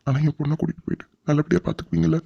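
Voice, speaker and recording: A man's voice: fairly high pitch, little pitch movement, rapid-fire, gravelly, husky, dry recording, exaggerated voice. A man voicing an earnest, middle-aged father of the bride in a cartoon drama, pleading and heartfelt. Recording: dull lo-fi recording.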